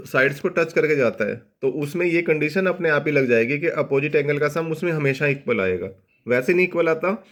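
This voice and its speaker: Man, maths teacher, somewhat high voice, steady board explanation that slows for dictation. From India. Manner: mixes Hindi and English, checks in with students often; slows down to dictate English statements. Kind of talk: board lesson explaining geometry.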